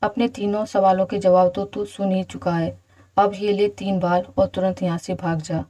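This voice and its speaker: A woman voicing a cunning old foster mother in a storybook, speaking softly and coaxingly in a dark, mellow tone. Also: medium pitch, level tone, moderate pace, natural voice, rough recording. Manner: soft, coaxing.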